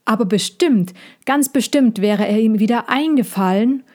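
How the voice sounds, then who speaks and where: A woman narrating a children's story in a gentle, measured reading voice. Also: fairly high pitch. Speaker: audiobook reader.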